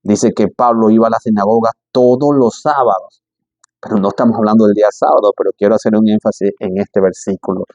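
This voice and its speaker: A man's voice: on the low side, fairly even intonation, fairly quick, a little mellow, no echo. A male preacher delivering a fervent sermon, full of exclamations and repeated phrases. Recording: dry, slightly dull recording.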